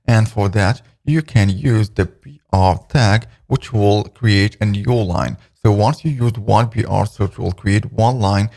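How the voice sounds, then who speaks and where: A man with a low, gravelly voice, teaching a screen-recorded coding lesson. He walks through each step with a loose, conversational flow and keeps coming back to "okay, let's just". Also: unhurried, hardly any pauses, darkish tone. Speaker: coding instructor.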